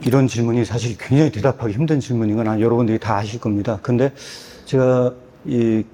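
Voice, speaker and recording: A man's voice: mid-range voice, steady tone, fairly quick, mellow. A middle-aged man who translates and publishes books, giving a candid personal testimony at a church book talk. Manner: candid, storytelling with self-deprecating humor. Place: church hall.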